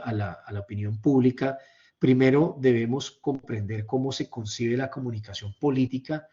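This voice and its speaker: A man with a mellow, mid-range voice delivers a university lecture over slides, explaining hesitantly, repeating words, and checking in with tag questions. The microphone sounds a bit dull and lo-fi.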